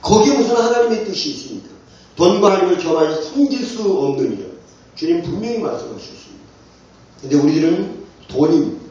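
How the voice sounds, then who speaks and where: A male pastor delivers an impassioned sermon with a high, swinging voice, pressing the congregation with question after question. He is heard from a distance in an echoey church hall on a dull, muffled recording. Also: animated, fairly quick, dark tone. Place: church sanctuary.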